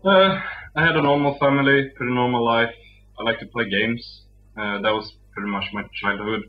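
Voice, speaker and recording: Young Swedish-accented man, soft-spoken and relaxed, interview guest, muffled low-fi audio. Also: moderate pace, soft background music. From Sweden. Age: young adult. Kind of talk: casual interview.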